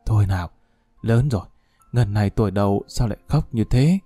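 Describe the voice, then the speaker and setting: A grieving old mother speaks softly through tears, as a man narrator puts her on. Her voice is mellow and warm, recorded dry and close for an audiobook. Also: lowish voice, brisk, slightly rough, dry recording, faint music behind. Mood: tender. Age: older. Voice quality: choked, tearful. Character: elderly Lao woman, tender and grieving mother figure.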